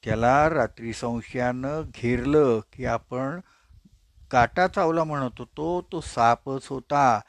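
A man giving a religious discourse, telling a parable in an animated way and acting out the dialogue. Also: medium pitch, slow, no room sound. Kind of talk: storytelling sermon.

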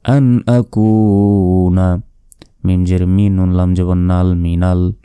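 A man teaching Quran reading, spelling out each letter and vowel mark, then reciting the verse slowly and drawn out. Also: low voice, completely flat delivery, warm tone, clear, resonant tone, no room sound.

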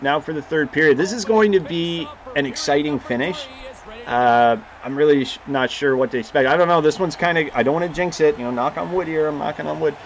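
A young man hosting a gaming channel, giving live commentary on a hockey video game and reacting loudly to each play. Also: on the high side, fairly quick, dull audio. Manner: excitable, reacts loudly to plays.

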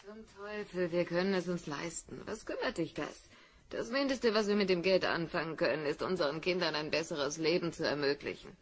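A woman playing Lorraine, a lower-voiced mother. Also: brisk, close to an everyday voice. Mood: defiant. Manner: pleading, then defiant. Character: downtrodden wealthy wife and mother. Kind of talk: audio drama acting.

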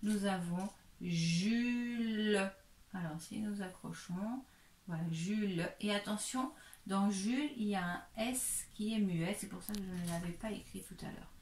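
A woman kindergarten teacher giving a slow, careful reading lesson to a young child, patiently sounding out each syllable. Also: medium pitch, a little mellow. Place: room at home. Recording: echoey room.

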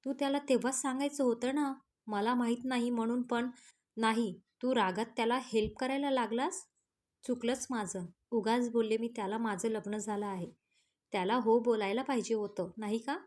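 A woman voicing a feisty sharp-tongued young wife. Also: on the high side, steady tone, normal speed, natural voice. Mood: scolding. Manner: scolding, teasing.

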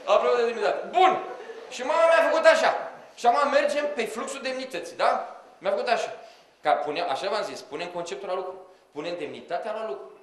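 A man telling comic stories to a live audience, acting out the people in them and talking to the crowd. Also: high-pitched. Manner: animated, acts out quoted voices, addresses the audience directly. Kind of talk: live comic storytelling monologue. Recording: roomy hall, audience audible.

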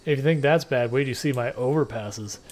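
A man's voice: medium pitch, a little fast, a little mellow. A man casually chatting and joking while he livestreams a video game. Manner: rambling, joking, conversational. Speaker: game streamer. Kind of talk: casual chat while gaming.

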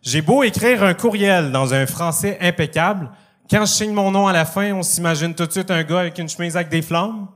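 A man's voice: high voice, brisk, a bit bright. A young man with a Quebec French accent doing a self-deprecating stand-up routine on a comedy club stage, laughing at his own jokes.

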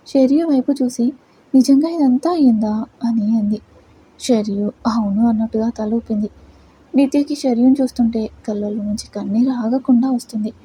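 A woman narrates an audio story in a steady, plain way. Her voice is very dark and mellow, with a husky grain and a slightly high pitch. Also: low-quality recording.

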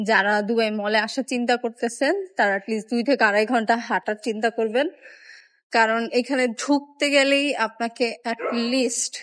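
Chatty young woman vlogging on a walkway. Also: a little high. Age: young adult. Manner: chatty, wry, self-mocking about being lazy. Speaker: travel vlogger. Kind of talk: casual travel vlog. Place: indoor glass skywalk with moving walkways. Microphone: phone at arm's length.

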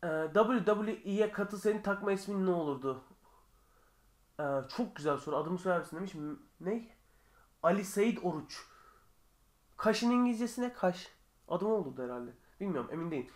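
Young man chatting in a casual vlog. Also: sits high. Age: young adult. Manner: chatty, joking, quick shifts between calm and heated. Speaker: YouTuber answering viewer questions. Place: his own bedroom.

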